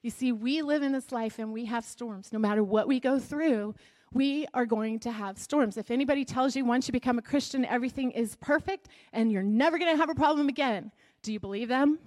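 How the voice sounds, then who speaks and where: A woman delivers a sermon in a fairly high voice. She is chatty and animated, laughs often, and drops to a soft whisper when she prays. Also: fairly quick. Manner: lively, shifts to soft whispered prayer. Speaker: preacher.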